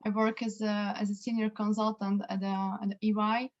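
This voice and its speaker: A woman introduces herself over a video call, her mid-pitched voice held fairly flat. The audio is a little dull and lo-fi, and she talks earnestly, doubling words as she finds her phrasing. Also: moderate pace. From Slovakia. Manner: earnest, repeats words while searching. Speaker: interview guest, energy consultant.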